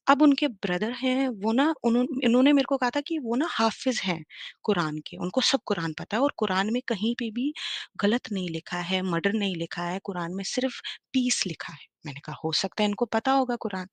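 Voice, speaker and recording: Woman guest, 30s, personal testimony, animated, mid pitch, dry close sound. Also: a little fast, dry recording. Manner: animated, mixes English into Hindi, many fillers. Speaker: guest on a live debate stream. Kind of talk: personal testimony, casual storytelling.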